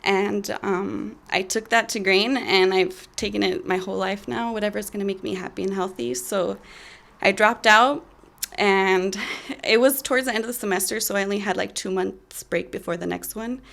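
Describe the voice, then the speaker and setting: A young woman in her twenties telling a personal story in a candid, halting way with many fillers. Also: medium pitch, fairly even intonation, creaky, a bit bright. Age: 20s.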